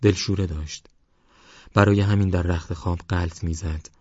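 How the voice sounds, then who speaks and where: Male novel narrator, deep voice, measured delivery, dry and dull recording. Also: steady tone, darkish tone, no room sound. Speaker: audiobook narrator. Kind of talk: literary audiobook narration.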